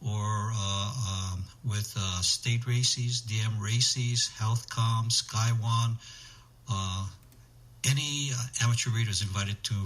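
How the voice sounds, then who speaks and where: A man with a slightly low voice answers as an interview guest. He explains methodically, setting out points one short phrase at a time. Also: fairly even intonation, slow, fairly bright tone, poor audio. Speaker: interview guest, amateur radio emergency organizer.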